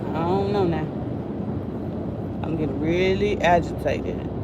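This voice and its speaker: A woman's voice: on the low side, takes it slowly, dull audio. Young woman, blunt and fed-up, cursing as she vents to camera from a car with road noise behind. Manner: frustrated, blunt, swears freely. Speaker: vlogger. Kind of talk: casual venting vlog.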